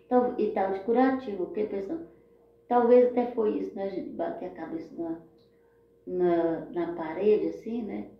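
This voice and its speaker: A woman's voice: mid-range voice, fairly even intonation, normal speed, vocal fry. A woman with a Brazilian Portuguese accent telling a personal story in a heartfelt way, often turning to her listeners. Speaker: storyteller sharing her life. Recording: very echoey, dull lo-fi sound.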